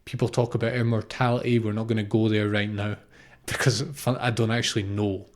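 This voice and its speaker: A Scottish man in his thirties, a spiritual teacher and podcast host, gives an unscripted, informal talk on spirituality. His fairly low, level voice moves fairly quickly as he explains reflectively, often repeating phrases and posing questions.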